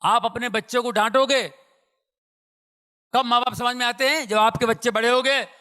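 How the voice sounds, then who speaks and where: A middle-aged man with a notably high voice preaches with emphatic repetition, pushing some lines loud and dropping others to a hush. His words ring out with the long reverb of a large hall. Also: fairly even intonation, moderate pace, smooth. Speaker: preacher giving testimony. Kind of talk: sermon.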